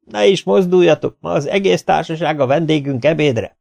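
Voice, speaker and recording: A man voicing cheerful young male water polo coaches calling out loudly. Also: on the high side, gravelly, no echo, pitched above the performer's own voice. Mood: hospitable.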